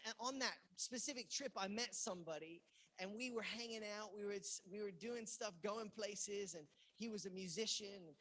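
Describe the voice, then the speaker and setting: A male pastor from England preaching a sermon, telling a personal story and acting out the dialogue with sudden loud bursts. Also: sits high. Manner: animated storyteller who acts out quoted lines with loud outbursts. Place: church in Los Angeles.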